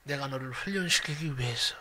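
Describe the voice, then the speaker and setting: A man voicing a gentle, fatherly God. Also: mid-range voice, pitched below the performer's own voice. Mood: tender, solemn. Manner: soft, slow and solemn, partly whispered. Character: gentle fatherly God speaking to his son.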